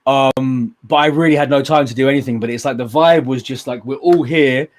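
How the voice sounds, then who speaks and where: A young man hosts a battle rap livestream, speaking briskly at a medium pitch. He's casual and animated, swears freely, and laughs often.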